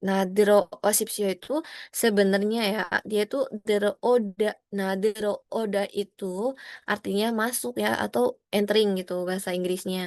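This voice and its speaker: A woman's voice: brisk, dry recording. A woman teaching an online class in a friendly, patient way, often acting out sample phrases with rising or falling tones. Her voice sits in a middle range. The sound is dry and close, with no room around it. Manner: friendly, explains patiently, addresses students as friends; acts out sample phrases with rising or flat pitch. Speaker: Korean language teacher.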